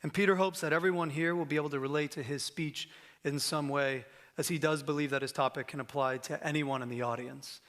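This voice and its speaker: A man, a teacher, formally introducing a student speaker at a school event, slightly halting with filler pauses. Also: a little high, fairly even intonation, fairly bright tone. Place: school auditorium stage.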